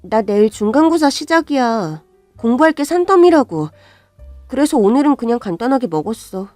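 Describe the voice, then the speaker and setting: A woman playing a sulky, high-voiced teenage girl. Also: very animated, normal speed, darkish tone, no echo, faint music behind. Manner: sulky, pleading back at her mother. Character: resentful teenage girl, the eldest daughter. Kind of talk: storybook radio drama.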